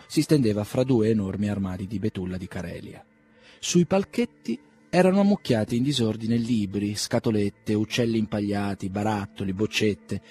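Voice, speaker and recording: A man with a fairly low voice reads a classic novel aloud, steady and measured through long descriptive passages. Soft music runs faintly underneath. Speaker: audiobook reader. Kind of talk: literary reading of a classic novel.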